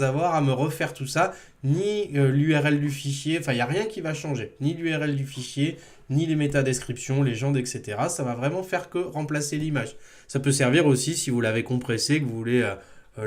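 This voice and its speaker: A man talking casually through a screen-recorded software tutorial, chatty and informal with lots of filler words and small self-deprecating jokes. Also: medium pitch. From France. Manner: chatty and informal, many fillers, jokes about own accent. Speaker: WordPress trainer.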